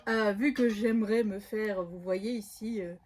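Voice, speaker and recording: A woman's voice: mid-range voice, fairly even intonation, a little slow, a little mellow, a little hiss or hum. A woman vlogger chatting casually from her home craft room, rambling and hesitating a lot as she shows off what she bought. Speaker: scrapbooking vlogger. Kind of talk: casual haul video chat.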